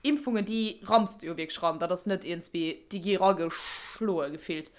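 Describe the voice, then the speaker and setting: A young woman co-hosting a podcast, chatting casually and telling an animated story with frequent laughter. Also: fairly low pitch, normal speed. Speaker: podcast co-host. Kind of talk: casual chat.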